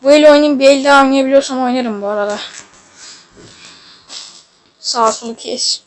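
Excitable young-sounding woman gaming. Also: high voice, normal speed. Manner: excitable, loud outbursts and playful swearing. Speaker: mobile game streamer. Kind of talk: casual gameplay commentary. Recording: loud gunfire from the game.

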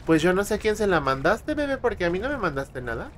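A man's voice: high voice, big pitch swings, fast talker, fairly bright tone, slight background noise. A man with a Mexican Spanish accent chatting on a live stream, teasing and dramatic with his viewers. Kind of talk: casual live-stream chat.

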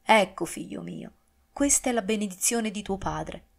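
A grieving duchess, as a woman narrator reads her, speaks softly and gently. Her voice stays quiet and mournful in this audiobook reading. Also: medium pitch, expressive, normal speed, vocal fry. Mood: gentle sad. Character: grieving noble widow, gentle and sad.

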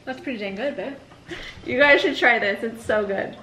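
A woman's voice: on the high side, moderate pace, noisy background. A young woman vlogger talking casually to the camera, full of "like" fillers. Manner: chatty, filler-heavy with frequent "like".

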